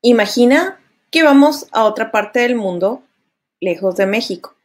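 A young adult woman teaching children English, modeling words slowly for them to repeat. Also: a little high, lively intonation. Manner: slow, clearly drilled repetitions for kids to echo. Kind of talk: children's language lesson.

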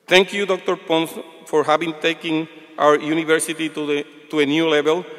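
A man's voice: on the high side, a bit bright. An older man giving a formal commencement address as board chair, reading from notes at a podium. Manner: measured, reads from notes at podium. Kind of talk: formal prepared speech. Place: large auditorium stage. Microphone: podium microphone. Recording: long hall reverb.

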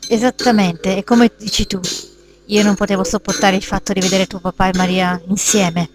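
A woman playing a jealous, possessive mother spirit who speaks low, slow and cold. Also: flat delivery, over music, close to an everyday voice.

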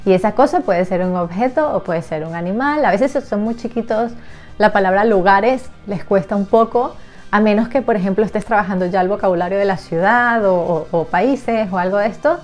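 A woman teacher talks casually to camera, lively and animated, sometimes acting out sounds and small children's voices. Her pitch sits in an ordinary middle range, and faint music plays softly behind her. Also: brisk. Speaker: English teacher for young children. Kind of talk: casual explanatory lesson to camera.

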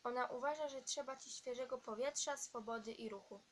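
Tired sad man, gentle and distant, fairly high voice, faint hiss, voiced by a woman reader. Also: a little fast, natural voice. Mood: weary. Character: weary, sad, sickly middle-aged man. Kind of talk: audiobook character reading.

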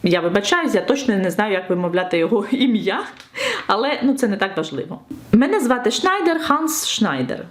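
A woman's voice: medium pitch, big pitch swings, brisk. A woman French teacher reading a story aloud, translating it line by line and explaining the grammar.

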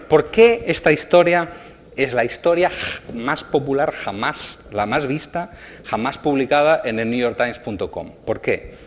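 A man giving a seminar lecture, peppering his sentences with tag questions and acting out quoted questions with lively emphasis. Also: mid-range voice. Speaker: conference speaker. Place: large conference hall. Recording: long reverb of a lecture hall.

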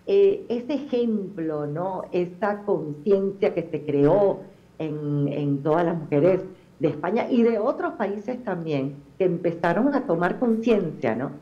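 A woman's voice: fairly low pitch, takes it slowly, highs cut off. A middle-aged woman with a Venezuelan accent tinged with Argentine sounds, chatting expressively as a guest in a TV interview. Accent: Venezuelan, with some Argentine touches. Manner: chatty and expressive, many fillers. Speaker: telenovela actress, guest.

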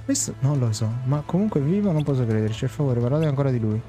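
Young man, live game commentary, soft mellow tone, playful, casual, music behind. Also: medium pitch, expressive, fast. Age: young adult. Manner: playful, slangy, reads game dialogue aloud. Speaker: game streamer. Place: indoor room.

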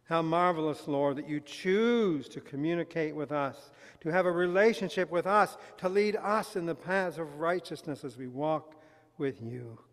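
A man's voice: a little high, moderate pace. A man leading a congregation in worship, speaking earnest prayers in a large church hall, recorded from a far camera. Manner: earnest, reverent spoken prayer. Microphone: far camera at back of hall. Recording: loud brass music over voice. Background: brass band and congregation singing.

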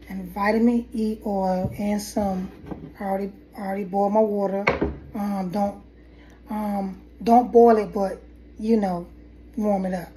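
A middle-aged woman with a head cold rambles through a casual hair tutorial at her kitchen table, coughing and restarting along the way. Her mid-range voice sounds mellow. The phone camera set on the table gives a rough recording with a little hiss or hum.

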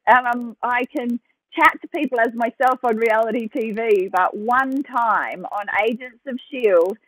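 A woman's voice: fairly high pitch, a little slow, dry recording, rough recording. A woman with an Australian accent, a podcast guest chatting casually, laughing often and poking fun at herself. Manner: laughs often, animated and self-mocking. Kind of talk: casual chat.

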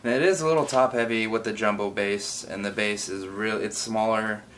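Young adult male reviewer, fairly low pitch, informal and self-correcting, casual chat in a garage with faint background noise. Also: fairly even intonation, moderate pace, a bit bright. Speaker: hookah reviewer. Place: garage workshop, indoors. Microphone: camera a few feet away.

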